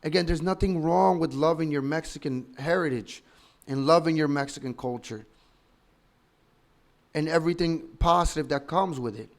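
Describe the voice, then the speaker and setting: Man, thirties, from the Dominican Republic, slightly high voice, emphatic, argumentative, opinionated commentator, rhetorical questions. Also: normal speed. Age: 30s. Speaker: political commentator.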